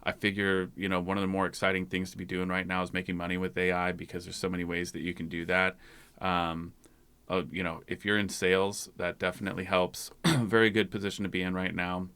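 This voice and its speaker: A man's voice: deep voice, level tone, a little fast, sharp tone, smooth. A man hosting his own channel, giving a loose, rambling, conversational screen-share tutorial. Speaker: tech channel host.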